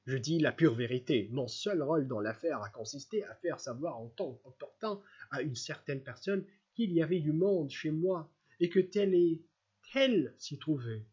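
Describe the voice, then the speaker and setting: A man's voice: on the high side, lively intonation, normal speed, darkish tone, husky, dull audio. A man reading the part of a fawning, scheming middle-aged clerk who pleads in a wheedling, self-abasing way. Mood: pleading.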